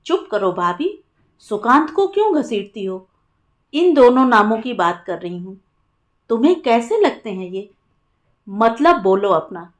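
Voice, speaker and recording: A woman voicing a cheeky young sister-in-law who teases and mixes English words into her speech, in a higher, slow voice. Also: big pitch swings. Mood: teasing.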